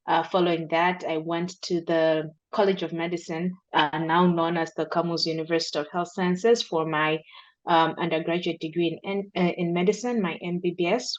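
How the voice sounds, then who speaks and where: A young woman from Malawi, a medical doctor, answering interview questions thoughtfully with many pauses. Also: on the low side. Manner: thoughtful, with many ums and uhs. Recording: dull lo-fi sound.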